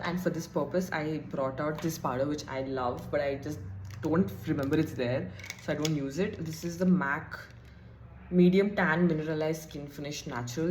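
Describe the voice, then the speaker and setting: Young woman vlogger, low voice, rambling chatty self-talk, roomy echo. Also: a little mellow, a little hiss or hum. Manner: chatty, thinking aloud, self-deprecating. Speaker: beauty vlogger. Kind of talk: casual get-ready-with-me chat. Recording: echoey room.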